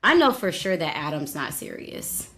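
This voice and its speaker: A woman's voice: sits low, very animated, moderate pace, fairly bright tone. A woman co-hosting a podcast, chatting casually with wry asides and easy laughs. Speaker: podcast co-host. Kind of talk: casual chat recapping a reality show.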